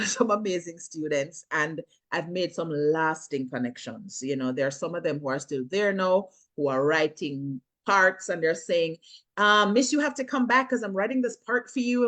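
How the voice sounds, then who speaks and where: A middle-aged Jamaican woman, a filmmaker and actress, chats animatedly as a guest in a casual interview, laughing often and slipping into patois. Her voice is fairly low and fairly bright, and she talks at a normal speed.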